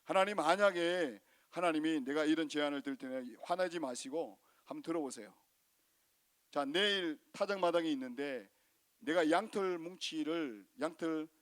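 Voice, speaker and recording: A man's voice: a little high, normal speed, lightly acted. A man preaching in Korean who acts out a reluctant young male warrior refusing and then bargaining with God. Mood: pleading.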